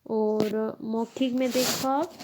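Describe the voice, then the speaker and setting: Woman teacher, patient step-by-step lesson voice, mellow tone, unhurried delivery. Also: fairly high pitch, steady tone, slight background noise. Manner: slow, patient, explains step by step, self-corrects. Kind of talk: Hindi grammar lesson.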